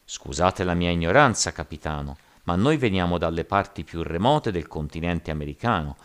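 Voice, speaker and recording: A man's voice: deep voice, lively intonation, normal speed. A man voicing a polite, guarded young man in a storybook reading.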